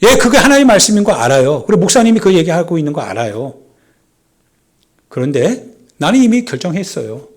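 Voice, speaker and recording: A man's voice: fairly high pitch, big pitch swings, fairly quick. A man, a pastor, preaching a sermon with dramatic emphasis, acting out the voices of doubters. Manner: dramatic preaching, voicing doubters with rising intensity.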